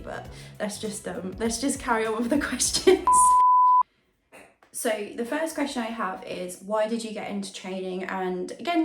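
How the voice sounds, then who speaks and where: A young woman, a YouTube vlogger and fitness coach, chats casually to camera through an introduction and Q&A, her medium-pitched voice showing vocal fry and a sore throat from tonsillitis. The room gives a noticeable indoor echo.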